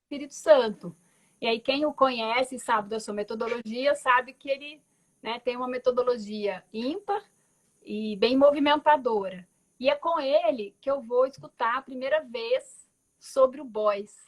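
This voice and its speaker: A woman's voice: fairly high pitch, expressive, moderate pace. A woman in her forties from Belo Horizonte with a Minas Gerais accent, telling her story as a guest artist on a video call in a thoughtful way, with frequent tag words and restarts. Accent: Minas Gerais Portuguese. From Belo Horizonte, Brazil. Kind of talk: reflective conversational storytelling.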